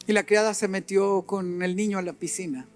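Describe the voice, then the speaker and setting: A middle-aged male preacher delivers a sermon in a high voice, swinging between quiet asides and forceful, emphatic peaks. He acts out short exchanges as he goes. Soft music plays faintly underneath. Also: normal speed. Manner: animated, acts out dialogue and rises to emphatic peaks.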